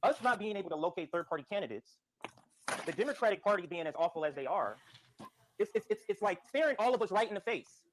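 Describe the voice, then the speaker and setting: A man's voice: high voice, animated, fast talker, a little hiss or hum, low-quality recording. A man arguing emphatically on a call-in show, his clip played back sped up so he sounds like a chipmunk. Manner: emphatic, repeats phrases. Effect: sped-up playback, chipmunk-like. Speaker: political call-in show guest. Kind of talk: impassioned political argument.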